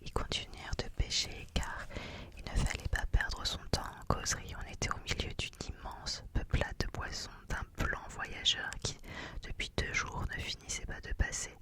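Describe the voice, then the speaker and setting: ASMR book reader. Soft library whisper, unvoiced throughout, literary narration. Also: normal speed.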